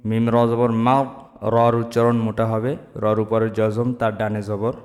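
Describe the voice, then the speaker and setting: A man teaching Quran reading, spelling out letters and vowel marks slowly and then chanting the words drawn out. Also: lowish voice, completely flat delivery, a little mellow, long reverb tail. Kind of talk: slow spelled-out Quran recitation lesson.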